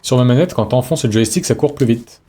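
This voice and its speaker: Brisk and mellow, his husky voice sits at medium pitch. While playing a horror game on a live stream, he keeps up casual, slang-filled commentary aimed at both himself and his audience.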